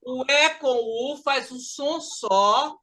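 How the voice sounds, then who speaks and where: Bright high-voiced Brazilian woman teaching English. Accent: Brazilian Portuguese. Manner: lively, drills words slowly for students to repeat. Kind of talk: online English pronunciation lesson.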